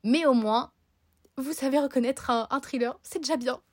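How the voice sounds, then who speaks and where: A woman's voice: sits high, moderate pace, dry recording, studio quality. A woman presenting a scripted book podcast chronicle, breaking it up with playful, self-mocking asides.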